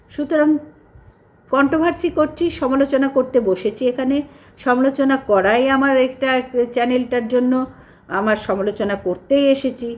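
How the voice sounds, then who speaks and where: A woman vlogger giving an indignant critical commentary, repeating her points with emphasis. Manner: indignant, repetitive, lively pitch swings.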